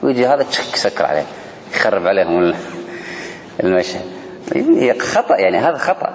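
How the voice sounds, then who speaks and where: A man teaches a religious lesson, talking quickly in a lowish voice. He acts out the people he quotes, with sudden pitch jumps. He is recorded in a roomy hall with a long echo and faint background noise. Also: sing-song. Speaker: sheikh teaching a book on worship.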